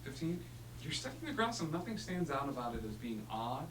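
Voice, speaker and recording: A man working as game master, narrating a tabletop fantasy game theatrically with dramatic pauses. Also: a little high, sing-song. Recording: echoey room, distant mic, humming noise.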